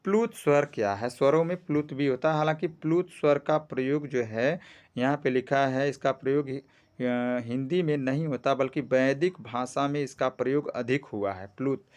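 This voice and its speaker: A man's voice: mid-range voice, a little mellow. A man teaching a grammar lesson, explaining step by step, often checking in with "theek hai" and stretching vowels to demonstrate sounds. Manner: explains slowly with frequent "ठीक है" checks.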